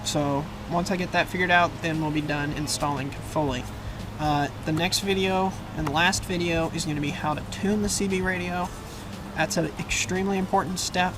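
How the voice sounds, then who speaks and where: Against a noisy background, a man with a fairly high voice hosts a casual how-to video, working inside or beside a parked vehicle. As host of the channel, he narrates the hands-on tutorial step by step, thinking aloud as he goes.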